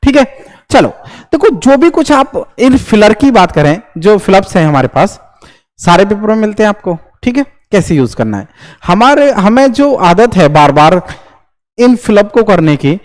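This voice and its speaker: A young man with a strikingly high voice teaches a grammar lesson. He keeps asking his students questions and answering them himself, checking again and again that they follow. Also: normal speed. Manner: lively, repeats checks like "understood?". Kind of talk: classroom lecture.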